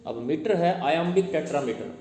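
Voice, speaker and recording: A male teacher giving a classroom lecture: he reads English text slowly, explains it in Hindi, and quizzes his students as he goes. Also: a little high, expressive, warm tone, slight background noise. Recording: echoey room with long reverb.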